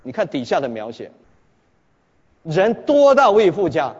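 Husky-voiced preacher in an echoey hall. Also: male voice, a little high, wildly swooping pitch, normal speed. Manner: emphatic, with rhetorical questions. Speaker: pastor. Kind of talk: sermon. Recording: echoey hall, dull lo-fi sound.

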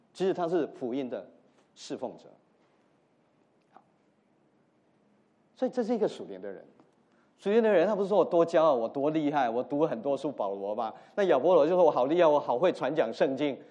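Male pastor mid-sermon: lively pitch, mellow tone, alternates loud emphasis with quiet asides. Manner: animated preaching, swinging between loud emphasis and soft asides; mixes English words into his teaching.

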